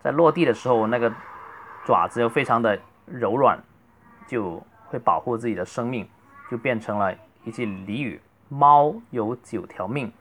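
A middle-aged man, a native Chinese speaker, teaching a beginner English lesson and slowly drawing out each model phrase. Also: medium pitch, lively intonation, a bit bright, slight background noise. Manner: slow, drawn-out model phrases between quicker explanations.

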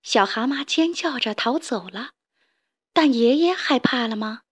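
A woman tells a story to children in a gentle, expressive way. Her voice sits fairly high and she reads slowly and clearly.

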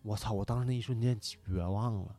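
A man telling a story in casual chat, animated and swearing, shouting out parts of the tale. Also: lowish voice, fairly quick, faint music behind. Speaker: podcast guest.

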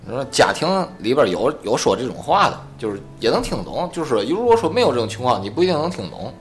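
Lively, quick Tianjin-accented man chatting. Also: mid-range voice. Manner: colloquial, halting with repeated words. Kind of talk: casual chat.

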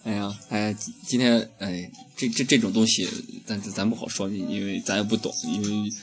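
A man's voice: lowish voice, steady tone, moderate pace, soft background music. A young man hosting a casual comedic chat, ranting with heavy profanity and frequent laughs. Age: young adult. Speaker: host.

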